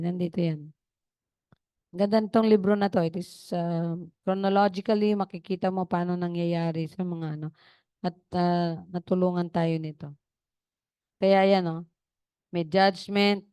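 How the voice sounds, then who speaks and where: Smooth-voiced Filipino-church woman preacher. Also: on the low side, darkish tone, dry recording, studio quality. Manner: conversational, storytelling with tag questions. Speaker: pastor. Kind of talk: sermon. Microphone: video call.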